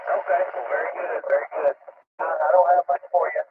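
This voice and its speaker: A man's voice: a little high, steady tone, fairly quick, narrow, tinny audio. A man checking in over a crackly, military-style two-way radio with static, in casual ham operator exchanges.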